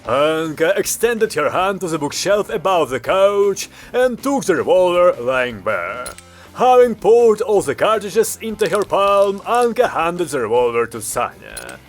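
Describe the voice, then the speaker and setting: A man narrating an audiobook in a lively, expressive storytelling manner. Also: high-pitched, measured pace. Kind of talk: scripted narration. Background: background music.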